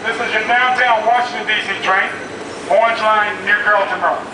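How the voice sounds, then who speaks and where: A man's voice: high voice, steady tone, brisk. Man calling through a bullhorn on a platform. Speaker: transit employee. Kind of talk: platform announcements. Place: outdoor train platform. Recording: echoey, distant, noisy platform.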